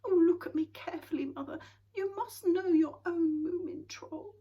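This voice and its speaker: A woman voicing a small, gentle young male troll who talks in an earnest, pleading way in a storybook reading. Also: very high-pitched, normal speed, dull audio, pitched above the performer's own voice. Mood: upset, pleading.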